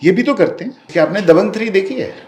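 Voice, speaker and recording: A man's voice: high-pitched, animated, fast talker, darkish tone, echoey room. A man giving a candid interview as a guest. He talks bluntly and combatively and mixes Hindi with English phrases. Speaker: interview guest, film director.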